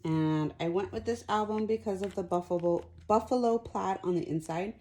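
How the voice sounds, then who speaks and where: A woman's voice: mid-range voice, moderate pace, darkish tone. A middle-aged woman talking casually through her craft project at home, thinking aloud with plenty of fillers. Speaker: craft vlogger.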